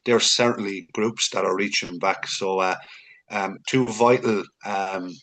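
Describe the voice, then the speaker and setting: A man's voice: fairly low pitch, steady tone, unhurried, a bit bright. A man co-hosting a podcast, speaking in an earnest, encouraging way and often repeating words. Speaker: podcast co-host. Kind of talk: casual podcast chat.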